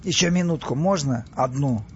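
A man's voice: high voice, expressive, normal speed, a little hiss or hum, voice pushed up. A man voicing a haughty, hot-tempered pharaoh who barks threats and orders, in a dull lo-fi audiobook recording. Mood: pleading.

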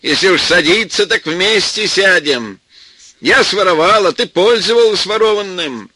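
A hot-headed young village man, twenty-eight, shouts back defiantly, as a man reading a storybook puts him on. The voice rises bright and lively with a husky grain. Dry, close sound. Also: high voice, unhurried, no room sound, pitched above the performer's own voice, exaggerated voice. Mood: shouting.

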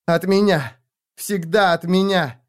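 A man's voice: measured pace, lightly acted. A man voicing a desperate, fierce young woman held captive, crying out and pleading. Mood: frantic. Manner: shrill pleading outbursts.

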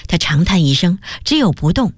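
Expressive woman reading a novel aloud. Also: fairly low pitch, dry recording. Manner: measured, expressive storytelling. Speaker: radio storyteller and presenter.

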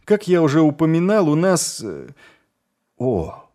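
A man's voice: a little high, wildly swooping pitch, measured pace, mellow, a little hiss or hum, voice pushed up. A man voicing an earnest, flustered male watch captain who speaks in an eager way.

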